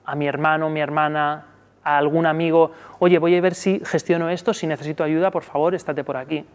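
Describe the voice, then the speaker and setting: A man with a Spanish accent giving a live workshop talk on child tantrums, checking in often with a quick "¿vale?". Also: long reverb tail. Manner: peppers sentences with "¿vale?"; acts out soothing talk to a child in a high voice. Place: conference room.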